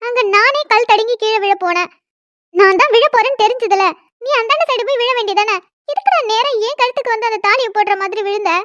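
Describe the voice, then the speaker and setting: A woman voicing a furious young woman in a cartoon who scolds and complains with shrill indignation. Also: quick pace, a bit bright, no echo, highs cut off. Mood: indignant. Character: young woman, furious, newly forced into marriage. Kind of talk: cartoon dialogue.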